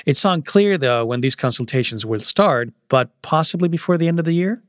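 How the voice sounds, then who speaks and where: A man's voice: fairly high pitch, lively intonation, a little fast, fairly bright tone, dry recording, studio quality. A man who is a staff writer, explaining news as a guest in a podcast interview. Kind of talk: explanatory news analysis in conversation.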